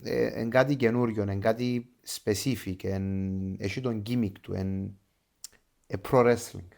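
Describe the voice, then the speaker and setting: A man's voice: lowish voice, steady tone, gravelly, darkish tone. A man with a Cypriot Greek accent talking casually as an interview guest, enthusiastic and dropping English phrases into his Greek. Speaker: interview guest, pro wrestler.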